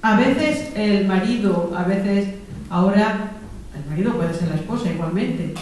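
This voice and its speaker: A woman's voice: medium pitch, lively intonation, unhurried, a little mellow. A woman from teaching a spiritual class to a group, asking them questions and repeating lists of examples. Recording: very echoey room, distant mic, faint hiss.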